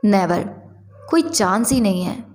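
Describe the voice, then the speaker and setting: A woman's voice: medium pitch, expressive, takes it slowly, darkish tone, in a large hall. A woman voicing a proud, sarcastic young man in a told story, speaking dismissively. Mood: scornful. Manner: cocky, dismissive.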